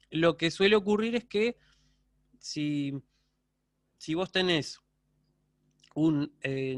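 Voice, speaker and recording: A man with an Argentine Spanish accent giving a university lecture online, explaining patiently and often checking in with a quick "¿sí?". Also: on the high side, no echo, clean studio sound.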